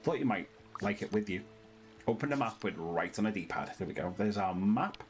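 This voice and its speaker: A man's voice: lowish voice, animated, moderate pace, faint music behind, rough recording. A British man doing casual let's-play commentary, chatty and reading the game's text aloud in a sing-song way. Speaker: gaming channel host.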